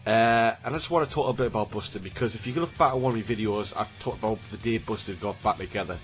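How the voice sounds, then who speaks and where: Quick-paced and lowish, this man's voice carries a slight snottiness from a cold as he rambles and restarts in a casual chat to camera. He's a YouTuber in his 20s from Newcastle, England, with faint music in the background.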